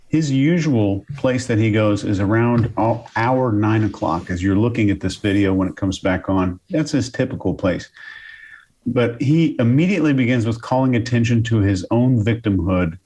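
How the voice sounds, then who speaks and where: A man's voice: lowish voice, darkish tone. A man analyzing body language on a panel, explaining terms in an emphatic way. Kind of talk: casual panel commentary.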